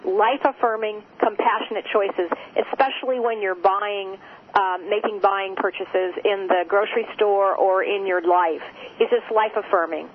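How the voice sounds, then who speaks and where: A woman heard over the phone as an interview guest, speaking gently and repeating phrases for emphasis. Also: medium pitch, steady tone, normal speed, breathy edge. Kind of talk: spiritual interview talk. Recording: tinny phone line with faint noise.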